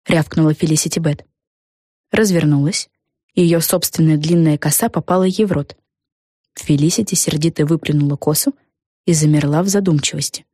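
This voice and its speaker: A woman reads a children's story aloud in a lively, expressive way. Her voice sits low and she is recorded dry and close. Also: normal speed, no echo. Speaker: audiobook narrator. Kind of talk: scripted storybook narration.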